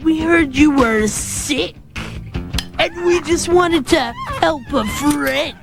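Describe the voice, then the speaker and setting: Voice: high voice, slow, vocal fry, over music, exaggerated voice. A text-to-speech voice playing a scheming twin bully boy in a cartoon dub, sly and mocking. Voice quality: synthetic computer voice.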